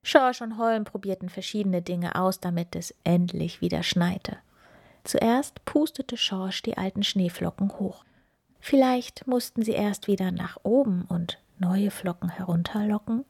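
Slow breathy whispering woman. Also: medium pitch. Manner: slow, gentle, addresses children. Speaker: storyteller reading a picture book. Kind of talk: whispered role-play.

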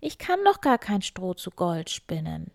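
A woman voicing a young miller's daughter, talking in a high, tearful, pleading way. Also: sing-song, measured pace, gravelly, no room sound, full character voice. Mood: despairing. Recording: dry close recording.

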